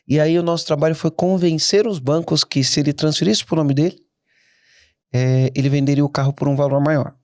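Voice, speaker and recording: A middle-aged man, a guest entrepreneur telling stories in a casual interview, animated and quick to restart his sentences. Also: on the high side, no echo, clean studio sound. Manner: animated, anecdotal, frequent restarts.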